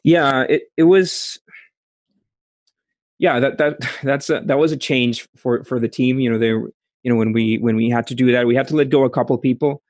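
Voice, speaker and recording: A man in his thirties from Costa Rica with a Costa Rican accent, answering interview questions over a video call, speaking haltingly with many restarts. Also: medium pitch, steady tone, darkish tone, no room sound. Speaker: startup founder. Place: small room at home, indoors. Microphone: studio mic with headphones.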